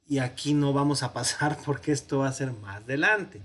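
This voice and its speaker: A man's voice: medium pitch, normal speed, a bit bright. A man with a Mexican Spanish accent giving a patient, explanatory online grammar lesson. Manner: patient, explanatory, self-correcting, with many "este" fillers. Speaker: Hebrew grammar teacher.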